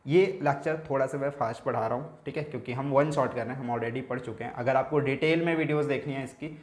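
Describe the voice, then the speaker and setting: A male physics teacher at an ordinary mid pitch gives an exam revision lecture, recorded in a noticeably echoey room. He works through each step slowly and keeps checking that his students are following along. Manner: explaining slowly, repeating himself with frequent "ठीक है" checks.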